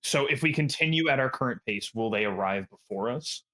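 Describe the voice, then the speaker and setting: A man playing in a tabletop game, asking quick practical questions. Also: mid-range voice, lively intonation, bright, forceful tone. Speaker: player. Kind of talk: casual chat at a tabletop game.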